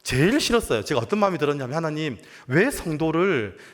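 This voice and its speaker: Lively male pastor in reverberant church. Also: a little high, fast talker. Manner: conversational, asks the congregation questions. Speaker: guest pastor. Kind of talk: sermon with storytelling. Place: church sanctuary.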